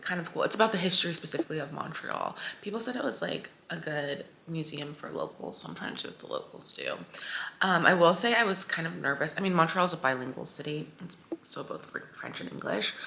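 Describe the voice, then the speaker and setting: A woman's voice: deep voice, creaky, sharp tone, a little hiss or hum. A young American woman chatting casually in a vlog, rambling with lots of fillers and self-corrections. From United States. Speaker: travel vlogger.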